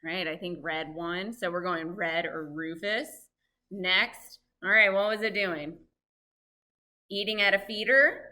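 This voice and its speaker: A woman presenting a live, lively lesson for families, chatting and asking her audience questions. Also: fairly low pitch, a little slow. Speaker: library program presenter on birds.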